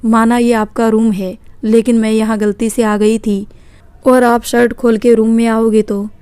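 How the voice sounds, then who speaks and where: A woman's voice: fairly high pitch, little pitch movement, a little slow, mellow, clean tone, no echo, lightly acted. A woman reading the part of a frightened, timid young woman in a spoken story, hesitant and apologetic.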